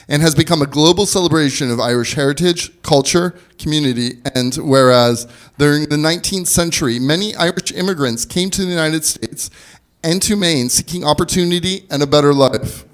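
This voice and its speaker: A man with a slightly high voice presides over a civic meeting as mayor. He speaks in a formal public-address style, as if to a council room. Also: a bit bright.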